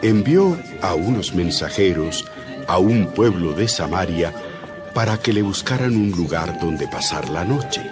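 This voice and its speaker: With music playing loudly beneath him, a low-voiced man delivers a scripted, dramatized Bible reading as narrator. He sounds expressive and speaks a little slowly.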